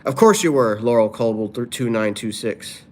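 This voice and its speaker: A man's voice: medium pitch, animated, normal speed. A man talking casually on a live stream, reading out viewer comments and dropping playful improvised rhymes. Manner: playful, drops off-the-cuff rhymes.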